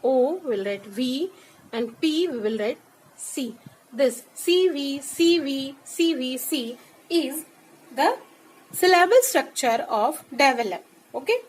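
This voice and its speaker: Woman teacher, classroom lesson, very slow and deliberate, high voice. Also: lively intonation, slight background noise, rough recording. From India. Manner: slow and deliberate in English, much quicker when switching to Hindi; checks in with repeated "okay?".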